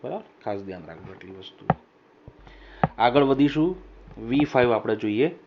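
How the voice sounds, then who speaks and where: Guy teaching english vocab, reads sentences out slow n loud, keeps checking u got it, muffled recorder with light hiss. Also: mid-range voice, lively intonation. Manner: reads English sentences slowly and louder, then explains; keeps checking understanding with short questions. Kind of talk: recorded classroom lesson. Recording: dull lo-fi voice recorder with faint hiss.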